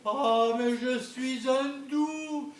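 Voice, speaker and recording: Actor as a very high-voiced timid husband, slow and mild, shocked murmurs; live stage comedy, echoey and from far off. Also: male voice, steady tone, a little hiss or hum, heavily acted. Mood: meek. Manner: mild, mildly shocked interjections. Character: meek, weary, gentle husband.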